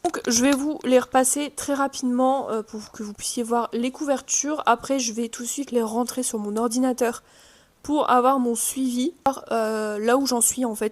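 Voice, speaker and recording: A woman chatting casually to camera as a book vlogger, filling pauses with hesitations and rattling off book titles. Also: on the high side. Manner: chatty, many fillers, reads titles quickly. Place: room indoors as daylight fades.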